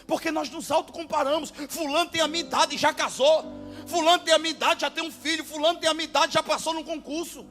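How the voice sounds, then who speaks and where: High, bright-voiced Brazilian pastor preaching. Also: male voice, fairly even intonation, quick pace. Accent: Brazilian Portuguese. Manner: impassioned preaching with shouted exclamations. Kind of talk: sermon. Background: faint music.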